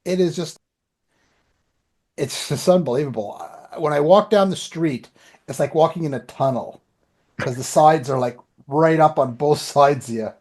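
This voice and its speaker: A Canadian man co-hosting a podcast rambles informally through anecdotes in casual chat. His voice is on the high side with a darkish tone, and he keeps a moderate pace.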